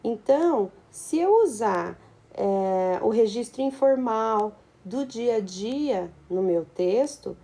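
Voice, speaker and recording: A woman's voice: medium pitch, creaky, mellow. A Brazilian woman teaching a video lesson, explaining at length and checking in with tag questions and fillers. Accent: Brazilian Portuguese.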